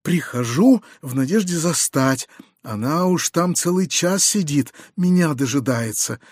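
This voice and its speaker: A man reading an audiobook, voicing an anxious, kindly middle-aged uncle who confides in hushed, lowered tones with hurried outbursts. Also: expressive, no echo, studio quality. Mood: confiding, distraught.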